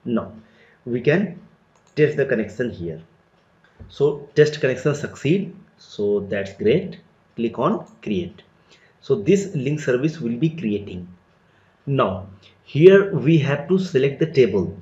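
A man explains a software setup step by step in a plain, methodical tutorial voice. His voice sits at an ordinary middle pitch. The recording is roomy and somewhat dull, with typing heard on a keyboard nearby. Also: very animated, slow pace. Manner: step-by-step, plain explanatory delivery with frequent "so" and "let me". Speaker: tutorial instructor.

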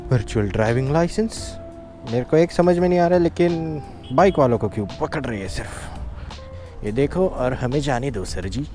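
This motorcycle vlogger talks at a moderate pace with an animated, dark-toned mid-range voice. He's a young man giving casual commentary while riding outdoors on highways and town roads, mixing in English phrases. A helmet or bike-mounted action camera records him, with music playing underneath.

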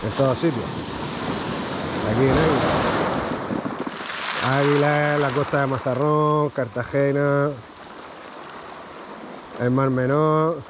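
A man from Spain, chatting casually to camera while fishing on a rocky shore and giving excited running commentary. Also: medium pitch, slow, pauses often. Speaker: fishing vlogger. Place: rocky seashore outdoors at dawn. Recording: outdoor wind and sea noise. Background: waves and water noise.

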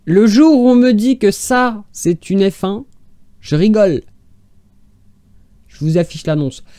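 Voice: mid-range voice, unhurried, dark tone, no room sound, clean studio sound. A YouTuber mocking online classified ads in casual commentary. The speaker sounds exasperated and sarcastic and rambles with restarts.

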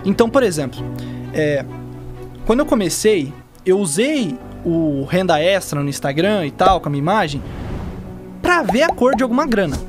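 A young Brazilian-accented digital marketer guests on a podcast, explaining things through examples in casual, slangy speech. His voice sits high and is very animated at a moderate pace, picked up close by a boom-mounted dynamic mic in an indoor studio, with soft music in the background.

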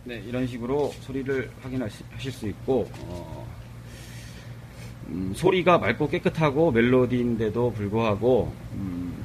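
A man's voice: medium pitch, sing-song, unhurried, heavy background noise. A man giving a casual product demonstration of a car alarm remote, talking in a plain explanatory way with many hesitant fillers, recorded on a camera microphone in a car workshop. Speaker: car accessory shop presenter.

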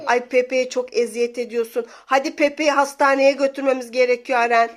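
A young woman, a mother, talking playfully to viewers and her toddler in an animated, coaxing, exclamatory way. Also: high voice, a little fast. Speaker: mother playing with her child on camera.

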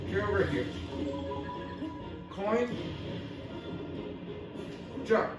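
A man with a high voice giving casual play-by-play over game music, calling out each move in short bursts. He sounds far from the mic in a very echoey room. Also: expressive, extremely slow, muffled recording. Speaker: gameplay commentator.

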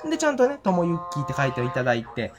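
A man giving an excited, giddy and rambling fan report from home, full of fillers and giggles. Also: fairly high pitch, very fast, music in the background. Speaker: fan vlogger. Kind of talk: casual event report vlog. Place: at home after the event.

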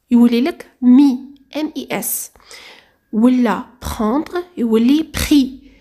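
A woman's voice: a little high, darkish tone. A woman with an Algerian Arabic accent teaching a French grammar lesson. She switches between French terms and dialect Arabic, and coaxes and addresses her students directly.

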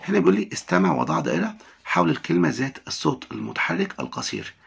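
An Egyptian man explains an English textbook lesson to young pupils, and his voice rises and falls a great deal. His tone is gravelly and a little husky. He reads the English slowly, then switches to fast Arabic explanation. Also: fairly high pitch, lively intonation, a bit bright. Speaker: English teacher.

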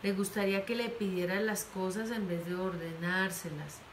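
A woman's voice: mid-range voice, moderate pace. Earnest woman pastor in echoey room. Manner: earnest pleading, urges parents gently. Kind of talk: sermon. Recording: echoey room with faint noise.

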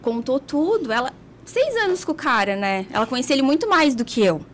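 A blunt, candid woman from Brazil recounts her own story as a podcast guest. Her voice sits high and rises and falls in lively swings. She laughs between lines and holds nothing back. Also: brisk, a little hiss or hum.

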